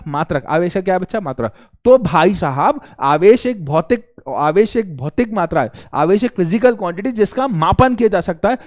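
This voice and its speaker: Young man, physics teacher, high-pitched voice, playful, jokey, quizzing students, studio recording. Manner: playful, joking, repeats questions to students. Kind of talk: energetic classroom lecture.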